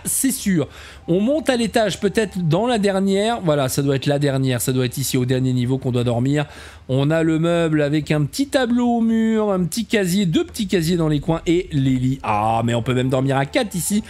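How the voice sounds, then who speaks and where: A man's voice: a little high, a little mellow. A man giving a chatty, casual commentary as he tours a game camp, talking to viewers as kids and poking fun at himself. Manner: chatty, calls viewers "les enfants"; self-mocking asides. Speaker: game camp tour host.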